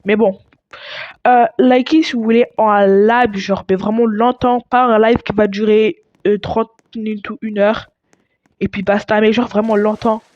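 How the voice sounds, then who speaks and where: A young woman chatting casually over her gameplay. She stammers often and breaks into excitable outbursts. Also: mid-range voice, a little slow, no room sound, dull audio. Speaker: gaming video creator.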